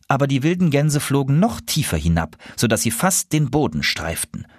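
A man reading a children's story aloud as a narrator, expressive and lively. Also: medium pitch, moderate pace, slightly rough, no room sound, studio quality.

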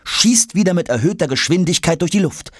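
Guy reading a kids storybook, really expressive, bit husky, dry close sound. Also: high-pitched, brisk, dry recording. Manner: expressive, dramatic. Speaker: audiobook narrator. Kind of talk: scripted storybook narration.

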